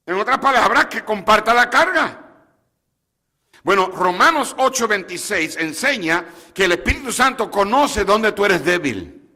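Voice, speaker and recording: A pastor preaching in a church, his voice high for a man and bright. He calls out questions to the congregation, and a long hall reverb trails after his words. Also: lively intonation, normal speed. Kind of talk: sermon. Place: church sanctuary.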